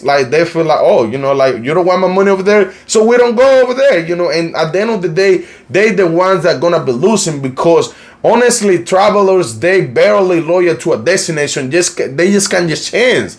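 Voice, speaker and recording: This YouTube news host, a Colombian Spanish-accented man from Cartagena, speaks in a fairly high voice in a relaxed commentary vlog. He wanders from point to point, keeps saying "you know, like," and frequently restarts his sentences.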